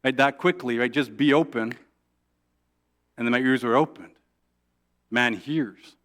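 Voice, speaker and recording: A man's voice: medium pitch, clean tone. A male pastor preaching a sermon in a conversational way, often asking "right?" and restarting his sentences. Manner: acts out quoted prayers in a soft, hushed voice; halting restarts and repeated words.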